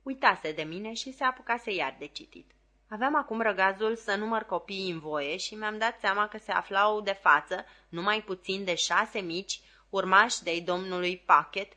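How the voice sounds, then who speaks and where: A woman reads a classic novel aloud for an audiobook. Her voice is bright and crisp at a middle pitch. She tells the story clearly and expressively. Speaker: audiobook reader.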